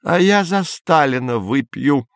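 A man's voice: a little high, lively intonation, measured pace, clear, resonant tone, no echo, pitched above the performer's own voice. A stubborn young woman answers in a teasing, defiant tone, as a male reader puts her on. Her voice sits well above his own. The sound is close and dry. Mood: mocking.

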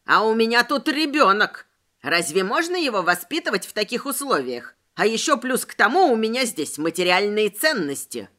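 A booming, bossy middle-aged neighbour woman rants with stern indignation in a storybook reading, as a woman narrator puts her on. The voice drops lower and pushes louder than the reader's own, with lively swings of pitch. It sits bright and forceful. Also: moderate pace. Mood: triumphant scolding.

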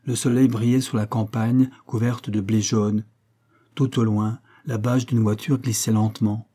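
A man narrating a classic novel as an audiobook, slow and measured. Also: fairly low pitch, flat delivery, warm tone.

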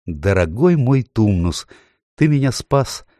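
A man voicing a tearful gentle young queen. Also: medium pitch, very animated, slow pace, no room sound, studio quality, voice pushed up. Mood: grateful.

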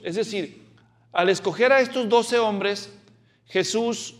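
A man preaching an expository sermon. He talks in an animated way, asks the congregation questions and acts out the quotes. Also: sits high.

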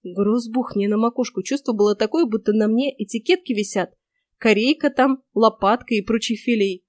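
A woman telling a lively first-person story as audiobook narration. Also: on the high side, moderate pace, no room sound.

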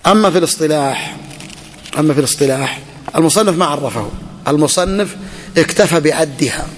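A man's voice: on the high side, breathy edge, long reverb tail. A man teaching an Arabic grammar lesson to students, repeating each phrase and quizzing the class with questions.

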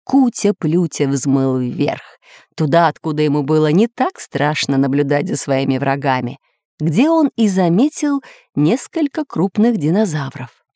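A woman narrates a children's adventure story, her voice low-pitched yet lively in its rise and fall. Her delivery is expressive and measured. The recording is close and dry. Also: no room sound.

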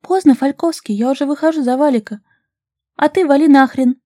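A woman voicing a feisty, stubborn young woman who teases and scolds loudly. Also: normal speed, no echo, studio quality, lightly acted. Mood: defiant teasing. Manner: loud, high and scolding.

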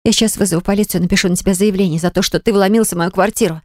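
A woman narrator voicing a furious, defiant young mother with high, hissing, indignant outbursts. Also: steady tone, racing, darkish tone, no room sound, clean studio sound, natural voice.

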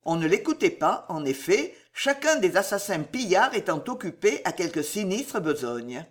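Expressive audiobook narrator, lively pitch. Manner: measured, expressive storytelling. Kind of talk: dramatic novel narration.

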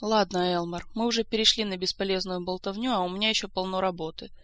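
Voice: medium pitch, fairly even intonation, fast, bright, forceful tone, dry recording, lightly acted. An audiobook reader voicing a joking, playful young king from a fantasy tale. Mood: brisk. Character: jovial teasing young male king.

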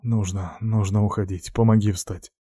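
A man voicing a badly wounded, stubborn young male warrior leader in an audiobook, speaking low and weak. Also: little pitch movement, normal speed, dark tone, breathy edge, dry recording, studio quality.

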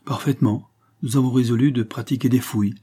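Brief: man voicing severe gentleman interrogator in an audiobook, husky, insistent. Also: fairly low pitch, expressive, fairly quick. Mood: stern. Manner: severe, pressing tone. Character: stern, impatient gentleman glassmaker.

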